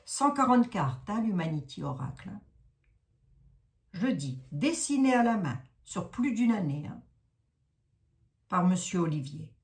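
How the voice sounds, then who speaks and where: A woman's voice: medium pitch, big pitch swings, a little slow, pauses often. Chatty sixty-something woman with a Lorraine accent. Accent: Lorraine French. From Lorraine, France. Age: 60s. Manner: chatty, rambling, many asides and fillers. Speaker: card reader, psychic. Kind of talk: casual oracle card reading.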